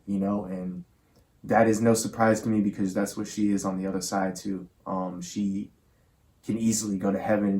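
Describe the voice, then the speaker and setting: A man's voice: on the low side, vocal fry, darkish tone. A man speaking earnestly as the host of a spirit box session, with affectionate, reverent wording toward viewers and spirits. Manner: addresses listeners and spirit with affectionate, reverent words.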